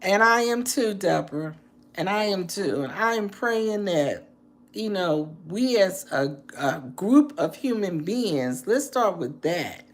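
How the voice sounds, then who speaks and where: A woman's voice: mid-range voice, lively intonation, takes it slowly. A woman in her late sixties chatting casually with live-stream viewers, earnest and heartfelt, repeating phrases for emphasis. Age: 60s. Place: indoors, apartment.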